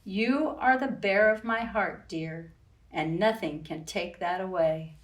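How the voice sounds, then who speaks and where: A children's librarian hosts storytime, reading expressively to young children with sing-song rhymes. Her voice is medium in pitch and she takes her time. The room echoes and she is distant from the mic.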